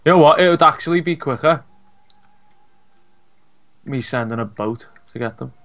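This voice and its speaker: Relaxed Scouse man chatting over a game. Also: on the high side, normal speed, faint music behind. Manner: relaxed, hesitant, many fillers and laughs. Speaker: co-op gameplay commentator. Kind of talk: casual gaming chat.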